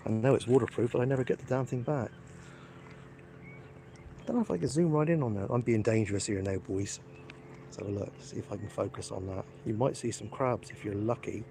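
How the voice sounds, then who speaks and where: This man's voice is lowish, gravelly and warm, moving along fairly quickly. He's outdoors by the water streaming live from the phone in his hand, joking around with viewers in a cheeky, self-deprecating way. A bit of background noise comes through.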